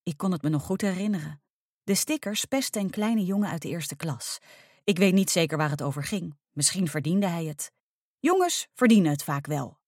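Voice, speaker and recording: A woman reading a children's story aloud with expressive narration. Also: on the low side, moderate pace, dry recording, studio quality. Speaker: reader.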